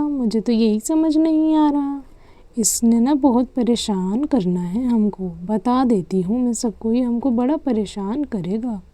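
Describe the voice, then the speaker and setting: A fussy, worried schoolteacher , as a woman puts her on, in a doll-play cartoon, talking a little higher than usual. The voice is dark and mellow and sounds dry. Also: no room sound, close to an everyday voice. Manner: teacherly, complaining. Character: strict schoolteacher madam, worried.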